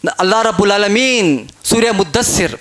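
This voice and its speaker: A man delivers a Friday sermon in a mosque, his voice pitched very high for a man and ringing with a forceful brightness. He hammers home his points with repeated rhetorical questions and rises at moments into shouting. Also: lively intonation, moderate pace. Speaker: preacher giving the Friday sermon.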